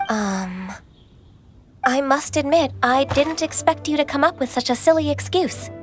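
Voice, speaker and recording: Poised, polite young official in a game, high-set voice. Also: female voice, lively intonation, unhurried, soft background music. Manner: composed, polite and formal. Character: calm, formal young woman official. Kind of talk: video game dialogue.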